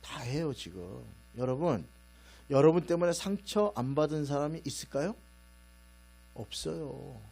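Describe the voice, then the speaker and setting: A middle-aged man preaches in a church, talking to the congregation as if chatting with them. He slips into his own stern or gentle voice as he tells a story, and a faint mains hum runs under the recording. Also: lively intonation, unhurried, creaky. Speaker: pastor. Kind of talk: sermon. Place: church sanctuary. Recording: low mains hum behind the voice.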